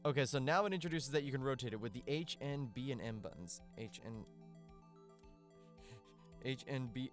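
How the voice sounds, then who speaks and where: A man's voice: medium pitch, lively intonation, moderate pace, long pauses, soft background music. A man casually commentating his own game playthrough, chatty and thinking aloud as he plays. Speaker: let's-play host.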